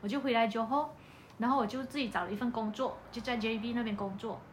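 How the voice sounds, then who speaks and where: This podcast speaker, a woman with a Malaysian Mandarin accent, talks fast in a fairly high voice over slight background noise. She tells a personal story in a casual chat, animatedly voicing the dialogue as she goes.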